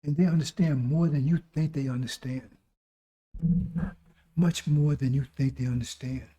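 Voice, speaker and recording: A man preaching with a hoarse, recovering voice, exhorting through repetition and rhetorical questions. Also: medium pitch, fairly even intonation, moderate pace, warm tone. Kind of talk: sermon.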